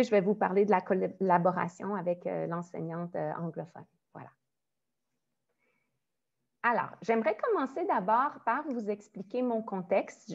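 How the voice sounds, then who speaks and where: With her highs cut off, a medium-pitched, darkish-toned woman presents online as a primary school teacher. She's in her forties, from Quebec, Canada, with a Quebec French accent mixed with some Belgian French, and stays friendly and explanatory, often saying "euh" and laughing softly.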